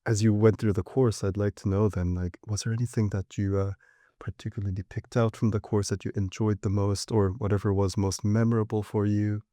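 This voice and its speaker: Brief: male academic host, lowish mellow voice, dry close sound, rambling and filler-heavy. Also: flat delivery, a little fast, dry recording. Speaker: course leader and host. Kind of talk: hosting a panel interview.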